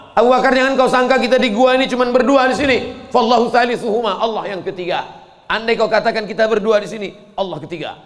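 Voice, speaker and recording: This preacher's voice sits high and sounds creaky. In his sermon he tells stories with animation, acting out the quoted voices of the people in them.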